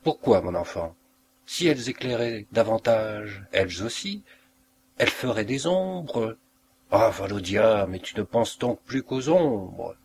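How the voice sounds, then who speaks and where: A man's voice: fairly low pitch, expressive, unhurried, darkish tone, slight background noise. A man voicing an anxious, frightened mother in a read-aloud story, speaking with a tense, unsteady manner. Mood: gentle.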